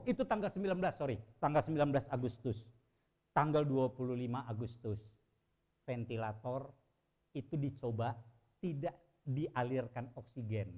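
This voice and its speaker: A middle-aged man giving an emotional sermon testimony, shifting between loud shouting and quiet, subdued telling. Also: mid-range voice, lo-fi sound.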